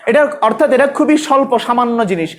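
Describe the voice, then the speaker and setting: A man's voice: extremely high pitch, expressive, quick pace. A male biology teacher lecturing a class, drilling students with repeated questions and scolding those who talk.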